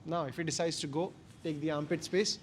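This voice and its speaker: A man's voice: a little high, fairly even intonation, a little fast, slight background noise. A man with an Indian accent teaching a martial arts class, speaking emphatically in short, repeated phrases. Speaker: jiu-jitsu instructor.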